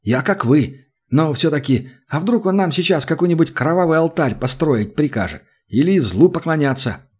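A male audiobook reader voices a timid mage caught off guard. His voice jumps higher and sounds husky and rattled. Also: animated, a little mellow. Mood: nervous. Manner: flustered, hurried.

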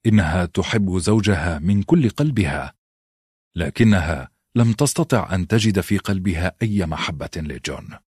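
A man narrates an audiobook with a very deep, husky voice. His reading is even and steady. The recording is close and dry. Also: dry recording. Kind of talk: scripted narration.

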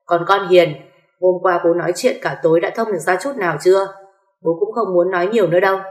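A stern older father-in-law who lays down the law, as a woman narrator plays him. His voice sits low and firm. Echo hangs in the room. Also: fast talker, lightly acted. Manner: stern, commanding. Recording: echoey room.

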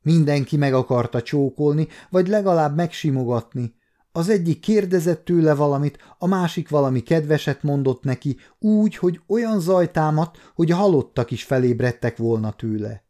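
A man in his fifties calmly narrating an audiobook. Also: on the high side. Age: 50s. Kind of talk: scripted narration.

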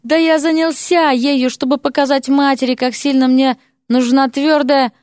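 A woman voicing a young male mage who pleads and flatters with gushing earnestness. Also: high-pitched, normal speed, no echo, studio quality, voice pushed up, close to an everyday voice. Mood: pleading, gushing.

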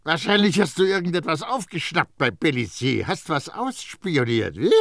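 A man voicing a stern, blustering elderly master perfumer who scolds and mocks loudly, in an audiobook. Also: sits high, expressive, slow pace, gravelly, no echo, clean studio sound, voice pushed up, full character voice. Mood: shouting. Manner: loud, scolding and mocking. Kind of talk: audiobook character voice.

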